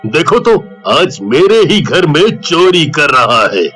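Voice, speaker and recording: A man's voice: fairly high pitch, sing-song, takes it slowly, sharp tone, slightly rough, faint music behind, full character voice. A man voicing a harsh, arrogant middle-aged boss who speaks with stern contempt, in a cartoon. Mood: contemptuous.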